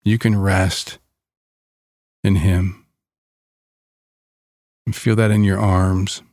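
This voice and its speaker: Very slow, calm man guiding meditation. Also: sits low, no echo, studio quality. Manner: calm, soothing, gentle delivery with long pauses. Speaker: guided meditation leader.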